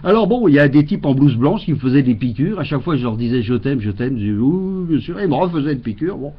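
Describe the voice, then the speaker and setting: A man's voice: mid-range voice, animated, very fast, breathy edge. A man doing a rambling, exasperated comic monologue into a webcam at home, full of fillers and mock rants. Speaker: comedian. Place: home, indoors. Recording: dull lo-fi webcam audio.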